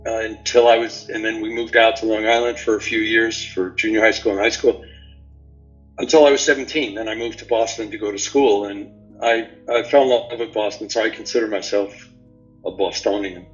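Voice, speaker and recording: A man in his seventies from New York City, a guest answering interview questions in an unhurried, rambling way with many fillers. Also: fairly low pitch, steady tone, highs cut off, faint music behind. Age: 70s. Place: remote call from a beach house.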